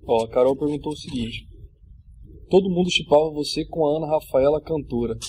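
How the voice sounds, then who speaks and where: A man hosting a podcast who asks relaxed questions and answers with short reactions. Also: fairly high pitch, brisk, slight background noise. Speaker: podcast host. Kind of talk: casual interview chat.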